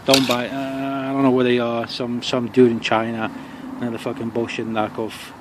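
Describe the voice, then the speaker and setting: Man, casual outdoor vlogger, irritated profane rant, halting speech, street noise behind. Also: medium pitch, level tone. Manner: angry, profane ranting with halting restarts. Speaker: RC car hobbyist reviewer. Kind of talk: casual outdoor review vlog. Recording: noisy outdoor street recording.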